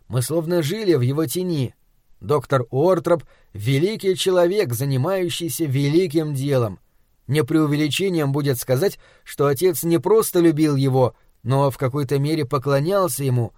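A man narrating an audiobook in a measured, reflective storytelling manner. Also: on the high side, darkish tone, dry recording, studio quality.

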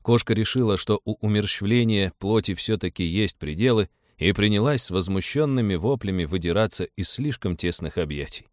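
Мужчина-чтец, размеренно читающий фантастическую прозу вслух. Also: male voice, on the low side, dry recording, clean studio sound. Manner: measured storytelling. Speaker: audiobook narrator. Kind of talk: scripted narration.

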